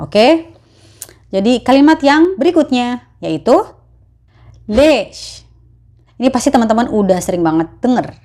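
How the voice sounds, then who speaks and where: A woman from Indonesia teaching Arabic phrases in a casual lesson, repeating each phrase slowly for learners. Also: medium pitch, darkish tone.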